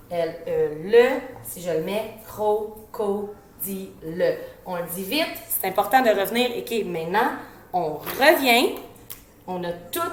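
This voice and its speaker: Québécois woman explaining, slow sounding-out. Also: mid-range voice, roomy sound. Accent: Québécois French. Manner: sounds out letters and syllables slowly and deliberately. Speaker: educator advising parents. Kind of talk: informal instructional talk.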